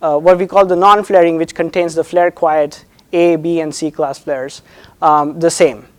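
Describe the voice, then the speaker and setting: A man presenting an academic thesis defense as a doctoral candidate, hesitant and halting, often repeating words and checking in with "right?". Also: on the high side, fairly even intonation.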